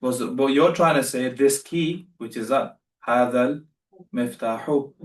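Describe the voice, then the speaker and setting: A man's voice: medium pitch, moderate pace, echoey room, recorded from a distance. A man teaching beginner Arabic in a live online class, patient and repeating himself as he corrects students.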